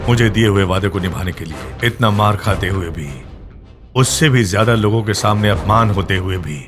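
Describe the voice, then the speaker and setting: A man playing a proud, stern older faction leader in a dubbed film, his fairly low voice carrying firm authority. Film score plays clearly behind him. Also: moderate pace, over loud music, close to an everyday voice. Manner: authoritative, commanding. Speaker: dub actor.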